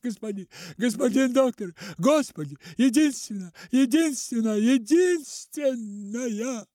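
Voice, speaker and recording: A man's voice: sits high, very animated, slow, gravelly, darkish tone, slightly rough, no room sound, clean studio sound, voice pushed up, full character voice. A man voicing a desperate middle-aged peasant father who wails and pleads near hysterically. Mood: wailing.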